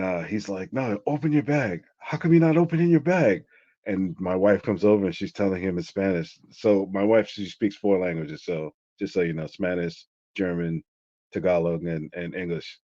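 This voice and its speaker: Rambling through a story and saying "like" a lot, this middle-aged man is an interview guest speaking casually. He has a low, warm voice at a moderate pace, on a dry, dull lo-fi recording.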